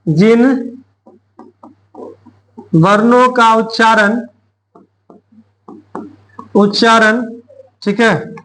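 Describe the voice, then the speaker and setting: A man, teaching grammar slowly in a classroom style, repeating phrases and answering his own questions. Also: very high-pitched, a bit bright, poor audio. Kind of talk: slow classroom explanation with questions to students.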